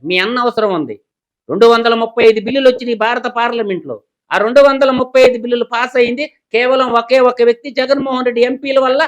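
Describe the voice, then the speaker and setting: A man's voice: extremely high pitch, a bit bright. A man, speaking as a political analyst. He delivers heated commentary in a combative way, firing off one rhetorical question after another.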